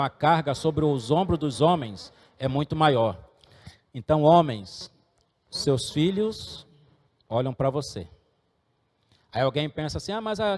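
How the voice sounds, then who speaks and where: Pastor guy, middle aged, preaching straight at the church, earnest, bit high voice, long echo from the hall. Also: a little mellow. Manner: earnest, exhorting the congregation directly. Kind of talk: sermon.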